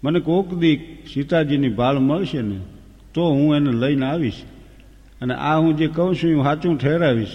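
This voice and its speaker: A man's voice: on the high side, normal speed, highs cut off, natural voice. A man voicing the grieving young prince Rama, vowing in a solemn, half-sung verse. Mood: resolute. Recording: long hall reverb.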